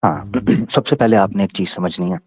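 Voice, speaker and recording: A man hosting a debate, teasing and pressing his questioner, then slowing down to explain point by point. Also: deep voice, lively intonation, a little mellow, slight background noise. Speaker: debate host answering a questioner. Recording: dull dry lo-fi sound.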